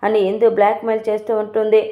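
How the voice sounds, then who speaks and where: A woman narrating a TV serial episode recap in a steady storytelling way. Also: medium pitch, very fast. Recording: tinny, roomy phone-like recording.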